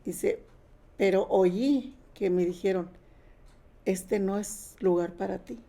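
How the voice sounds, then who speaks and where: An older woman recounts her own testimony in a relaxed, conversational way. Her voice is mellow and gravelly, and she slips into the quoted words of others as she tells it. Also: medium pitch, slow. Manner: plain conversational retelling with quoted dialogue. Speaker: guest sharing testimony. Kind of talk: personal testimony.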